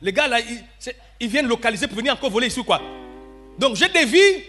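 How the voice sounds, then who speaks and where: A man preaches in a high, bright, lively voice that leaps from shouts to hushed murmurs. He acts out dialogue as he tells his story. Soft instrument music plays faintly behind him in the church. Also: fast talker. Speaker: pastor. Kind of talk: storytelling sermon.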